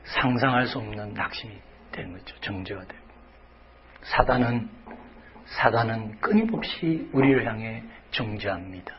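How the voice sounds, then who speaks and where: A man's voice: on the low side, lively intonation, normal speed. Male pastor preaching, dramatic, whispers then cries out, kinda dull lo-fi recording. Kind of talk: sermon.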